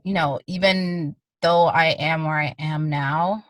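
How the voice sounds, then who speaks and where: A woman's voice: deep voice, fairly even intonation, takes it slowly, fairly bright tone, no echo, rough recording. A woman artist answering interview questions over a video call from her car, hesitant and full of likes and kind-ofs. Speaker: guest artist.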